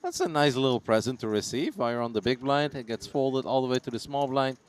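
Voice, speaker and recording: A man's voice: medium pitch, lively intonation, quick pace. A man commentating on live poker in a casual, chatty, jokey and teasing way.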